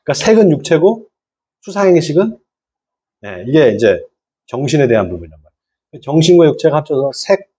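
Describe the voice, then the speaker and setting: Dark, husky-voiced male pastor lecturing. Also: on the high side, very animated, fairly quick, long pauses. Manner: asks the audience and repeats key words. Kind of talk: church lecture to lay people.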